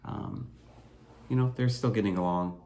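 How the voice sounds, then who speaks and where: A man co-hosting a podcast, talking in a relaxed, agreeable way with many fillers. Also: on the low side, moderate pace. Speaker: podcast co-host. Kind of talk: casual chat recapping a reality show.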